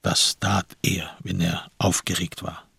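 A man narrating a crime radio play in an even, literary storytelling manner. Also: low-pitched, takes it slowly, creaky, husky, dry recording, studio quality.

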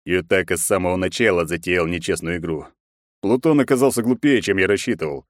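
A man narrating an audiobook in a steady, measured reading. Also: sits low, dry recording, clean studio sound. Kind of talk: scripted narration.

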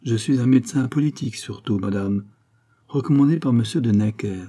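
A man reading a calm dignified doctor. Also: medium pitch, lightly acted. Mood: composed. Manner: calm, measured replies. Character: calm proud male doctor, dignified, composed.

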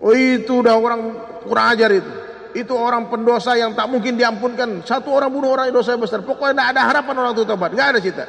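A man's voice: very high voice, rapid-fire, creaky, fairly bright tone, long reverb tail, pitched above the performer's own voice, full character voice. A man voicing a harsh, dismissive male cleric who condemns sinners. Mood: scornful.

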